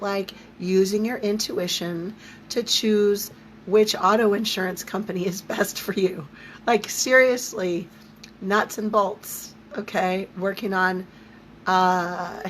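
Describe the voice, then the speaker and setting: A woman speaks in a squeaky voice, strained by an allergy, at a middling pitch. She teaches a live online lesson informally, with down-to-earth, emphatic asides. There is some noise behind her. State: throat and voice affected by allergy. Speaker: spiritual teacher leading a live online series. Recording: noticeable background noise.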